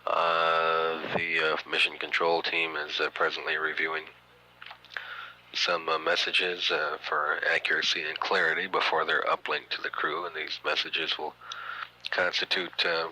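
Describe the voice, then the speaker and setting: A man giving matter-of-fact mission control status commentary, halting often with uhs and pauses, on an archival radio feed. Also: rumbling low, bright, forceful tone, slight background noise, rough recording. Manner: halting, hesitant delivery with frequent uhs and pauses. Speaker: mission control announcer, public affairs commentator. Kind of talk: spaceflight status commentary, partly improvised.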